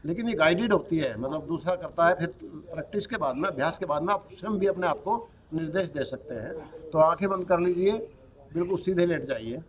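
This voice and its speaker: A man leading a guided yoga nidra relaxation as a yoga teacher, giving calm, slow instructions and mixing in English words. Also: fairly high pitch.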